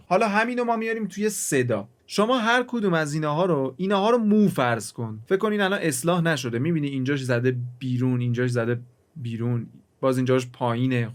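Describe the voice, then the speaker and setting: A man teaching music mixing in a casual, chatty way, talking straight to the viewer and explaining with everyday examples. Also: on the high side. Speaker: music production instructor. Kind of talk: casual screen-recorded tutorial.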